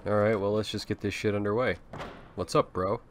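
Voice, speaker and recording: A man's voice: on the low side, fairly even intonation, brisk, slight background noise. A young man hosting casual let's-play commentary, joking, swearing and offhand as he plays. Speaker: host.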